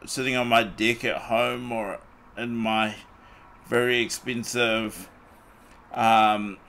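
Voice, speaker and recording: A podcast host chats casually, rambling with lots of fillers and restarts. His mid-range voice has a fairly bright tone, recorded on a desktop mic over a voice call.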